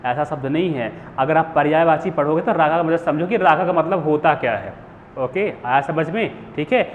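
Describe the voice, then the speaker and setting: A young man with a high voice runs a grammar lesson, firing questions at the class and answering them himself. The sound is thin and phone-like, with a long hall echo and faint hiss behind it. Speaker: Hindi grammar teacher.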